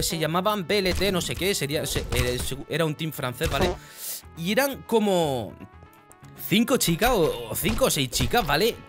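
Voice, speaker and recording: Excitable gamer with loud music. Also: male voice, sits high. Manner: excitable, talks to himself, swears, quick flips between loud outbursts and mutters. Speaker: gaming YouTuber. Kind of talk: live gameplay commentary. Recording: game music playing loud behind the voice.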